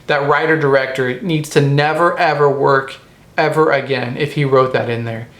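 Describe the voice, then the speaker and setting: A man's voice: medium pitch, fairly even intonation, moderate pace, a bit bright. Profane ranting man in an echoey room. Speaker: movie reviewer. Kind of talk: comedic ranting movie review. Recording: roomy echo.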